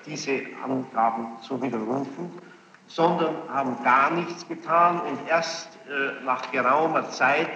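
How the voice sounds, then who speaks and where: A man with a slightly high voice plays a presiding judge questioning a witness, stern and insistent in formal, long-winded, halting sentences. The archival courtroom tape is muffled, noisy and echoey, with clear tape hiss and the ambience of a large reverberant room.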